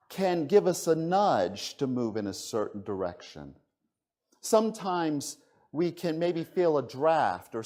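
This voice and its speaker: A man giving a sermon to his congregation, telling a story in an animated way, acting out quoted dialogue and shifting into a soft, intimate hush for reflective passages. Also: high voice. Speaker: minister. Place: church sanctuary.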